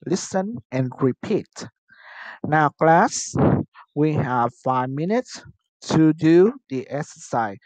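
A man with a Vietnamese accent teaching an English lesson, switching between languages and slowly repeating words for students to echo. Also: mid-range voice, darkish tone. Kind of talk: bilingual online lesson, drilling vocabulary.

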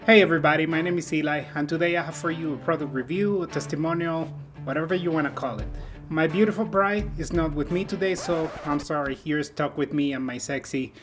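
A talkative man with a slightly raised voice, reviewing a product for his travel vlog. He speaks loosely and jokes along the way, with soft music faint in the background. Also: a little high, fairly quick. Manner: chatty, joking, informal with fillers. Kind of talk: casual product review talk.

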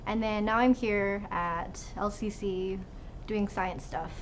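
The recording is rough, with slight background noise, as a woman speaks slowly in a steady, medium-pitched voice. A student researcher in her twenties from Hawaii, she offers casual interview answers while in a laboratory.

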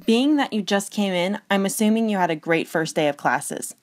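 A woman's voice: medium pitch, lively intonation, moderate pace, natural voice. A woman voicing a sarcastic, heartbroken young student in an amateur voice-over drama.

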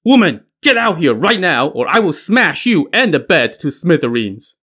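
A man playing a hot-tempered, brutish male outlaw warrior in an audio story, loud and blunt. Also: medium pitch, expressive, normal speed, natural voice. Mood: roaring angry.

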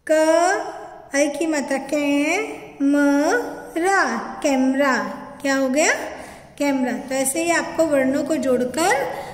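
A woman teacher giving a slow phonics lesson, spelling out syllables one at a time and repeating words for students to say back. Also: sits high. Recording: echoey room with long reverb.

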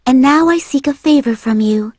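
A woman voicing a gentle, formal tome spirit in a video game, with a calm, polite, goddess-like manner. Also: high voice, normal speed, dry recording, studio quality. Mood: serene, apologetic. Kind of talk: English video game voice acting.

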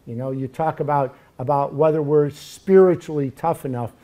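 A man's voice: a little high, moderate pace, dark tone. A man preaching a sermon, emphatic and full of rhetorical questions.

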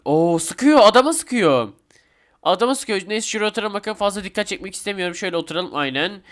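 A young man commentating a Roblox game with excitable, chatty talk to his viewers, a bit sick. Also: sits high, fast talker. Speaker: gaming YouTuber.

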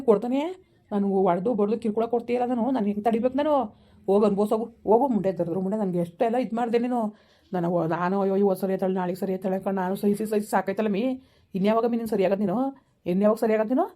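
A worn-down village husband bitterly lists his wife's abuses, as a woman acts him out. His complaints rush out at great speed in a warm, dark tone. This is a rural comedy sketch. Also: medium pitch, rapid-fire, natural voice. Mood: aggrieved. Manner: whining, bitter, accusing.

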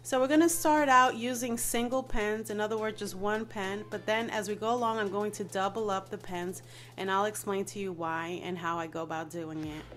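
A woman hosts a homemade craft tutorial in a mid-pitched, allergy-stuffed nasal voice. She talks casually and warmly to her viewers and keeps calling them "you guys." Soft music plays faintly under her. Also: steady tone, moderate pace. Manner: chatty, often says "you guys". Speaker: DIY channel host.

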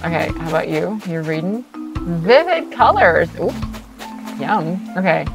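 A woman's voice: sits low, normal speed, gravelly, over music, low-quality recording. A middle-aged woman playing a video game for the first time, chatting playfully and talking to the game's characters. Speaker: gamer's mother playing a game. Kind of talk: casual play-along chat.

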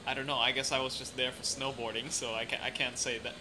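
A young adult man with a mixed international, lightly British accent chats casually as an interview guest at a café or restaurant at night. He speaks fast in a mid-range voice with little pitch movement, and the room noise is clearly audible.

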